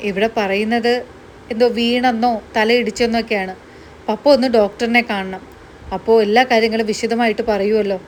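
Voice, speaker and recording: An earnest young daughter, as a woman reads her, pleading steadily and firmly. The voice is fairly high, with a faint hiss in the background. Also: steady tone, brisk, natural voice.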